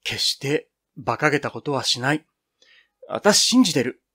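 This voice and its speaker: A man's voice: medium pitch, big pitch swings, a little slow, pushed and bright, exaggerated voice. A man reading the part of an eager, boyish young woman in a storybook reading. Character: eager young woman nicknamed Yuki-bouya.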